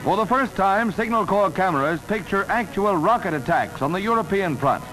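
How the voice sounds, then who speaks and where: A man narrating an old 1940s wartime newsreel in a brisk, emphatic announcer delivery. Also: high voice, expressive, poor audio. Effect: old newsreel soundtrack. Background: loud music score.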